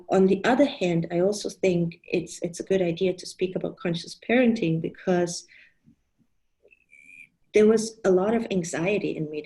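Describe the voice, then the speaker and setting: A woman's voice: lowish voice, vocal fry, mellow, rough recording. A woman in her thirties who grew up in Germany, giving an online talk on parenting to fellow coaches, thoughtful, with frequent fillers and restarts. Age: 30s.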